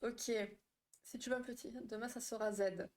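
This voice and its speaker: A young woman, a therapist hosting a live stream, chats casually with viewers, laughs often, and answers their comments. Her fairly high, darkish voice has fairly even intonation and a normal pace.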